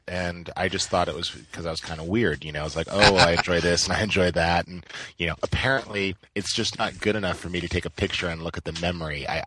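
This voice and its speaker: A man co-hosting a podcast, mellow and easygoing in casual chat. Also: deep voice, slight background noise. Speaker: podcast co-host.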